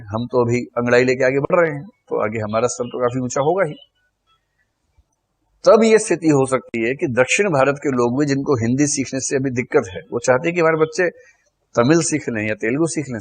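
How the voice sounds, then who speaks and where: A middle-aged man teaching a lecture class, explaining in a conversational way and asking rhetorical questions. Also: medium pitch.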